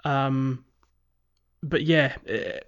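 Speaking extremely slowly in a clean, mid-range voice, a male podcast co-host discusses games casually and keeps reworking his phrasing as he goes. The recording sounds muffled and lo-fi.

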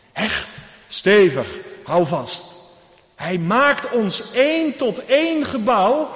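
A man's voice: high-pitched, fairly bright tone. A man preaching a sermon from the pulpit in a church, emphatic and full of rhetorical questions. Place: church hall. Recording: echoey church hall, dull sound.

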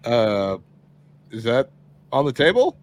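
A man's voice: medium pitch, huge pitch swings, slow. A man playing a tabletop game, casual and easygoing as he speaks for his character. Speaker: player. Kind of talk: tabletop role-play chat.

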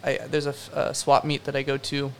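A man's voice: medium pitch, monotone, a little fast, gravelly, clean tone. A young man, a production designer, answering interview questions in a rambling, casual way full of fillers and self-deprecating asides.

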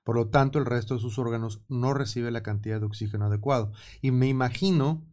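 Man, mexican spanish accent, radio host, casual studio chat, quick and animated. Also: mid-range voice. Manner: animated, quick, laughing often.

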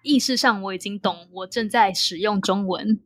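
A woman's voice: medium pitch, moderate pace, fairly bright tone, no room sound, clean studio sound. A young adult woman from Taiwan with a Taiwanese Mandarin accent, chatting reflectively and casually, dropping in occasional English words.

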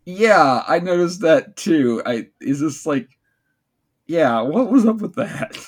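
A man co-hosting with casual, halting, jokey reactions and rambling remarks. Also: on the high side, expressive. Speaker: co-host.

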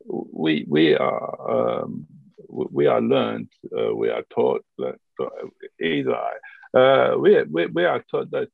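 A man's voice: medium pitch, wildly swooping pitch, takes it slowly, creaky, dry recording, heavily acted. A man voicing a hesitant, weary, disillusioned soldier in a tabletop role-play, speaking in very tentative, broken phrases. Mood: puzzled, tentative. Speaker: game master. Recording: dull, lo-fi voice track.

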